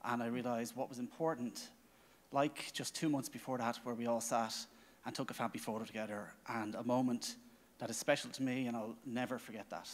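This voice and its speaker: A man's voice: medium pitch, steady tone, fairly quick. Man telling a personal story, hall reverb. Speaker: company founder. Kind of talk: personal story told to an audience. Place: large conference stage, indoors. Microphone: handheld microphone.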